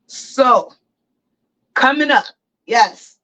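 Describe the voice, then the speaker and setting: A podcast host in a barber chair chats into her phone, hyped and casual. Her high, sharp voice is animated yet extremely slow, and the phone mic gives a lo-fi recording.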